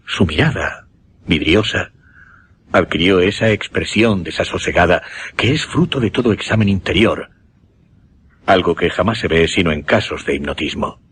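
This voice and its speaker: Grave and suspenseful, a deep but slightly bright male voice portrays a solemn hypnotist recalling a macabre experiment. It's a Spanish radio drama, spoken in a Castilian accent with measured, dramatic pauses and slight background noise.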